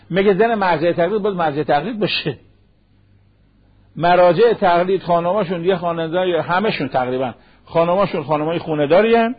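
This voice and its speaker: Husky high-voiced preacher on lo-fi radio. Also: male voice. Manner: quotes Arabic verses and hadith in a slow recitation; rhetorical questions, acts out imagined speakers. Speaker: cleric. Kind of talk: sermon on marriage. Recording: dull lo-fi radio broadcast.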